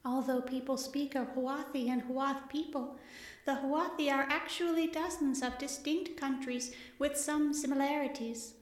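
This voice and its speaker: A woman reading the part of a librarian giving a measured lecture to a hall in an audiobook. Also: high voice, pitched above the performer's own voice.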